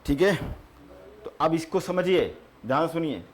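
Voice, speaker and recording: A man teaching a geography class, repeating terms slowly for notes and answering his own questions. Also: fairly high pitch, expressive. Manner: repeats key terms slowly for students to write.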